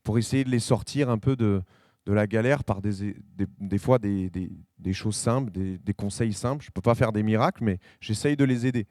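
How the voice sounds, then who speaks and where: A man preaching a conversational sermon as pastor, speaking to listeners directly and slowing down to stress scripture quotes. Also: on the low side, darkish tone, dry recording, clean studio sound. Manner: conversational preaching, addresses listeners with tu, frequent restarts. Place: church hall.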